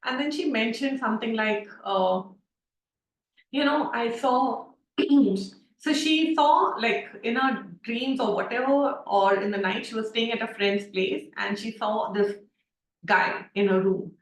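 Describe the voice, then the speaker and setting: A woman's voice: fairly high pitch, a little slow, far from the mic, a little hiss or hum. Chatty woman on a roomy call. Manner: chatty storytelling with many fillers. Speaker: class facilitator. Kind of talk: teaching an online class. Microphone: video call. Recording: roomy, off-mic video call.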